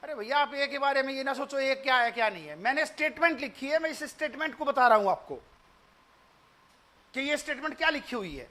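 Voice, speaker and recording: High, bright-voiced Indian math teacher. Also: male voice, lively intonation, a little fast. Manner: explains patiently, repeats points, coaxes students with questions; switches freely between Hindi and English. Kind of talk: online demo math lecture.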